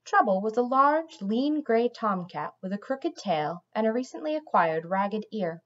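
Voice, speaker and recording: Animated woman reading a storybook. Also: mid-range voice, measured pace, muffled recording. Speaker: audiobook reader. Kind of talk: storybook narration.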